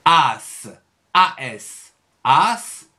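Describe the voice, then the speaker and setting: A man teaching a children's spelling lesson, speaking slowly and clearly and spelling out sounds letter by letter. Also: on the high side, big pitch swings, pushed and bright.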